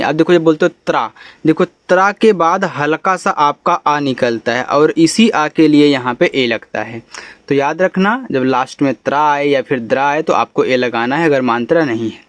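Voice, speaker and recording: A man's voice: fairly high pitch, no echo. A man teaching spelling, explaining patiently letter by letter. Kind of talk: spelling lesson.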